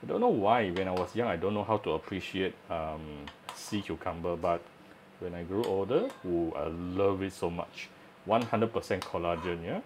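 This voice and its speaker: A lower-voiced man talks through a home cooking demonstration in a relaxed, chatty way, often pausing on "uh" as he explains each step. Faint kitchen clatter of pans and utensils runs underneath his voice. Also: a little hiss or hum. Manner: chatty, hesitant with frequent "uh" fillers. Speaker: home cooking channel host.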